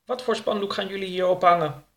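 A man's voice: high-pitched, steady tone, a little fast, a bit bright, voice pushed up. A man voicing a naive, cheerful young man who asks innocent, literal questions.

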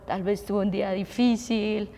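A woman in her thirties with a Colombian accent, preaching a sermon in an animated way and asking the congregation questions. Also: medium pitch, moderate pace, gravelly, long reverb tail. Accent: Colombian Spanish. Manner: animated, asks the audience questions, acts out shouting.

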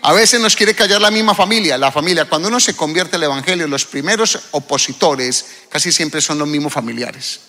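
A man's voice: a little high, fairly quick, hardly any pauses, sharp tone. A man preaching a fervent sermon to his church, often asking the congregation questions. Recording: long hall reverb.

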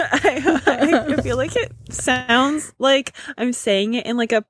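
A woman's voice: high-pitched, slow, a bit bright. Tired, rambling woman podcaster. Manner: rambling, self-deprecating, laughs often. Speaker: podcast co-host. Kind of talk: casual chat.

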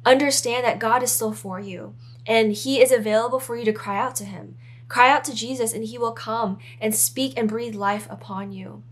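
A woman's voice: on the high side, fairly even intonation, normal speed, breathy edge. A young adult woman hosting a faith podcast, giving an earnest, encouraging devotional talk and prayer, casual and chatty with the listeners. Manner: earnest, encouraging, casual fillers like "guys" and "right?". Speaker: podcast host and ministry leader.

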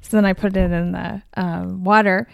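A woman's voice: lowish voice, flat delivery, moderate pace, gravelly, dry recording. Casting: female co-host, chatty and laughing, dry close recording. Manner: chatty, laughs while telling stories. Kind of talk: casual chat.

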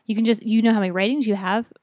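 A woman's voice: medium pitch, fairly even intonation, very fast, a little mellow, no room sound, muffled recording. A woman co-hosting a podcast, chatting casually and carrying the talk in long rambling turns. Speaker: podcast co-host. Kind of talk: casual chat.

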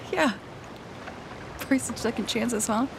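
A high-pitched young woman, played by an actress, speaks with earnest, wounded intensity in an audio drama. She is emotional and insistent, the lovestruck best friend. Clear watery, engine-like noise runs behind her. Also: expressive, slow pace. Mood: subdued.

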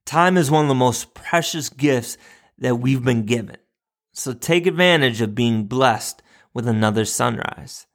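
A man hosting a podcast for educators, reading a moral tale in a measured, reflective way. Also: mid-range voice, fairly bright tone. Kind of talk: storytelling narration and podcast outro.

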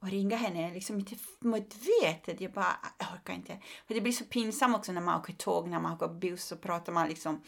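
A woman's voice: on the low side, gravelly, hardly any pauses, a bit bright. A woman comedian talking frankly in a casual interview, laughing often and using many fillers.

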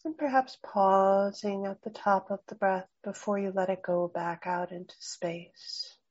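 A woman guiding a slow breathing meditation, speaking softly and soothingly with long pauses. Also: medium pitch, steady tone, highs cut off. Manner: slow, soft, soothing and unhurried. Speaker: meditation guide.

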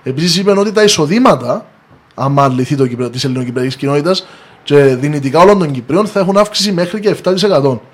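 A man's voice: on the high side, slightly rough. A man with a Cypriot Greek accent, explaining his opinions as a guest in a podcast discussion.

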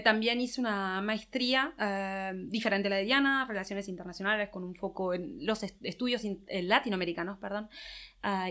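A woman with a Buenos Aires Argentine accent co-hosts a casual podcast conversation. She talks in a relaxed, self-deprecating way and breaks into laughter often. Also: medium pitch. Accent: Argentine Spanish, Buenos Aires. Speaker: podcast co-host. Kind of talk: casual chat.

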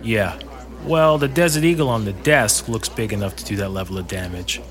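A man's voice: fairly low pitch, moderate pace, natural voice. A man voicing a blunt, sardonic police detective in an audio drama, questioning witnesses in a dry way. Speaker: detective character.

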